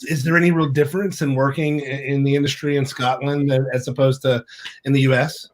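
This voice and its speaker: A man's voice: mid-range voice, flat delivery, fairly quick. A man co-hosting a casual online show, asking a guest questions with friendly stumbles and restarts. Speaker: co-host.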